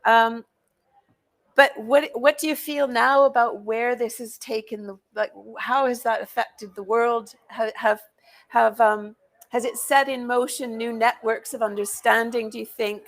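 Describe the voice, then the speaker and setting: A woman moderates a live panel event. Her voice sits slightly high. She phrases her questions informally, stumbling and restarting with ums as she goes. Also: steady tone, unhurried. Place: live talk event before an audience.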